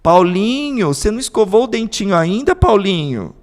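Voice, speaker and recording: A man voicing a doting, overindulgent mother who pleads with her son in a sing-song, high voice. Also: very animated, moderate pace, a little mellow, long reverb tail, lightly acted. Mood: coaxing.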